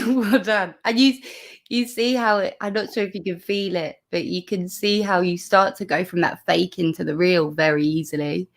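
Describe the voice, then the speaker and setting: A woman's voice: fairly low pitch, steady tone, moderate pace. Bubbly woman leading laughter exercises. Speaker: laughter yoga leader. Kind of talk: casual video call chat. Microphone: video call.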